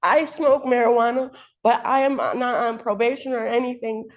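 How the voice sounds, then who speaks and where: High-voiced woman, insistently pleading. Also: fairly even intonation, normal speed. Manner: insistent, colloquial. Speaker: defendant's partner pleading in court. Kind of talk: unscripted informal pleading. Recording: dull, muffled lo-fi courtroom audio.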